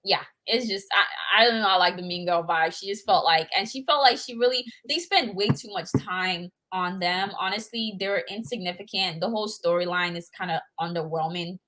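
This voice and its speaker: A woman's voice: fairly low pitch, moderate pace, hardly any pauses, a bit bright, poor audio. A woman co-hosting a casual podcast chat, opinionated but hedging her points. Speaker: podcast co-host.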